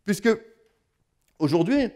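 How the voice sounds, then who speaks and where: A man's voice: sits high, big pitch swings, slow, warm tone. A man in his thirties preaching a sermon in church, building emphasis with repeated words and restarts. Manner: repetitive restarts, rising emphatic delivery. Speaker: pastor.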